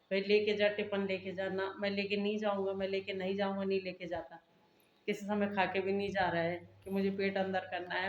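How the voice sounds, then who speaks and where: A woman's voice: mid-range voice, dull audio. A middle-aged woman chatting casually to her viewers in a family vlog, recorded on a phone at home. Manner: chatty, homely, talks straight to viewers. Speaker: family vlogger. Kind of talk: casual chat to camera. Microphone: phone camera. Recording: echoey room with faint background ambience.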